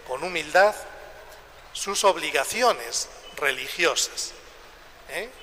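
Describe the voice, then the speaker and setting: A man speaks as a priest at Mass, his forceful, bright voice ringing through long cathedral echo. He delivers scripture and homily slowly, in short measured phrases, with some noise behind him. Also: fairly high pitch. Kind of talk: liturgical Gospel reading and homily. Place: large reverberant church, public address during Mass. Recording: echoing church with long reverb, background noise.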